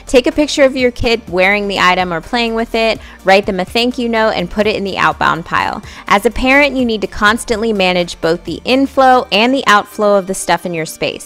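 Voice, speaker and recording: A woman's voice: medium pitch, fairly bright tone. A young woman narrating her home cleaning vlog as a voice-over, talking to viewers in a friendly, direct way. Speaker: vlogger.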